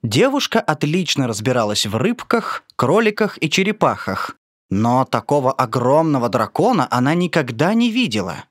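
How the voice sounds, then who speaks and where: A narrator reading a children's story aloud in an expressive, sing-song way. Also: mid-range voice, normal speed, no room sound, studio quality.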